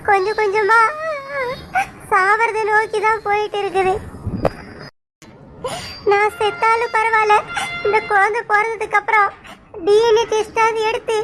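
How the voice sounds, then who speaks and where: A woman voicing a wronged young pregnant wife who sobs and laments. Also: very high-pitched. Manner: sobbing, lamenting. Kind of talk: cartoon voice acting. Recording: background music under voice.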